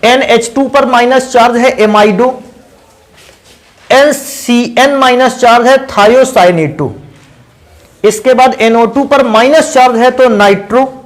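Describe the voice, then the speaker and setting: A man teaching a chemistry class in a patient lecture style, often putting questions to his students. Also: extremely high pitch. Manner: patient, addresses students as "beta" and asks them questions.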